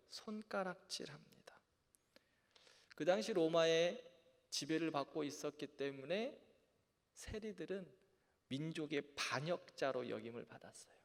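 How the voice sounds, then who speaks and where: Pastor type, man, slightly high voice, earnest Bible lecture, long church echo. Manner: earnest, asks the listeners rhetorical questions. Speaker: pastor teaching a Bible class. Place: church sanctuary.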